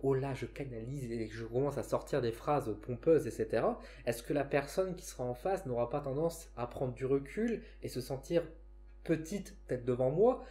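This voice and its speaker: A man's voice: medium pitch, lively intonation, moderate pace, dark tone. Man with a northern French accent. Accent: northern French (Ch'ti). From northern France. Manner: reflective, frequent hesitations and self-restarts. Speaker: psychic and spiritual vlogger. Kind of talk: casual talk to camera.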